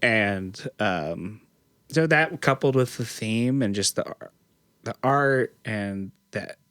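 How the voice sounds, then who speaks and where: Low-voiced rambling podcast host. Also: male voice, expressive, takes it slowly, a bit bright, dry recording. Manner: rambling, many fillers and restarts. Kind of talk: casual chat.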